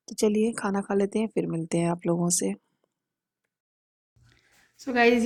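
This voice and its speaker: A woman's voice: mid-range voice, dark tone. A woman in her thirties from India, narrating a casual home vlog and chatting straight to her viewers. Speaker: family vlogger. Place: at home indoors.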